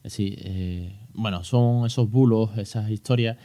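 A man's voice: fairly low pitch, fairly even intonation, a little slow, mellow. A man in his thirties with a Spain Spanish accent hosting a casual podcast, chatty and joking, with many fillers and restarts. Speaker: podcast host. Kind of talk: casual educational podcast talk.

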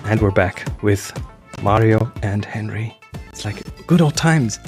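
A young man hosting a podcast in a casual, upbeat chat, quick to laugh. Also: on the low side, animated, loud music behind the voice. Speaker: podcast host.

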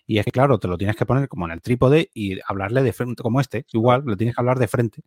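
A middle-aged man chatting as a guest, rambling and hesitant, backtracking as he tells his stories. His voice is of ordinary middle pitch. The sound is close and dry. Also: fast, a little mellow, dry recording. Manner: rambling, hesitant, frequent fillers and restarts. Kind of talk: casual chat.

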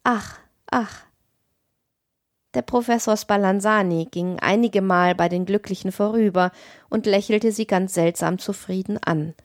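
A woman narrating a classic tale as an audiobook reader, in a measured, expressive reading. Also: mid-range voice, dry recording, clean studio sound.

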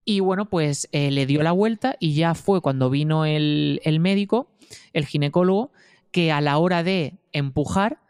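A man's voice: a little high, moderate pace, a little mellow, clear, resonant tone, dry recording, clean studio sound. A man from Spain, a new father, telling his story in an earnest, detailed way with many hesitations. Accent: Spain Spanish. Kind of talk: casual storytelling.

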